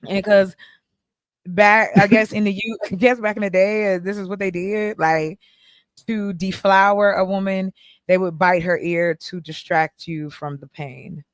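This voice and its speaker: A woman hosts a loose, casual conversation with a playful, teasing delivery. Her mid-pitched voice is recorded dry, with very little room sound. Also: fairly even intonation, unhurried, no echo. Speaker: host. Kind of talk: casual group chat.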